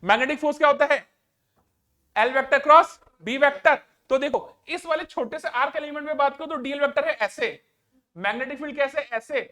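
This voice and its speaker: A man's voice: extremely high pitch, fairly quick, bright, forceful tone. A man teaching physics to a live class. He asks a question, answers it himself and repeats it, and he coaxes and scolds students to pay attention.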